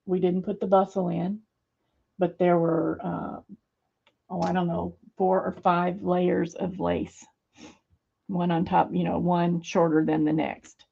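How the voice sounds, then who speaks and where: A woman's voice: fairly low pitch, flat delivery, takes it slowly, creaky, breathy edge, phone-quality sound. A middle-aged woman hosting a craft video from her home studio, chatting casually and rambling with many fillers as she sews. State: hands a little weak, fumbling.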